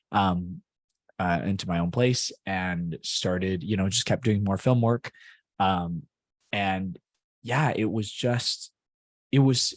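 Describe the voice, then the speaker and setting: A young Canadian man with a fairly low voice rambles through a casual interview as a guest, full of fillers and restarts. The audio is clean studio sound with no room echo.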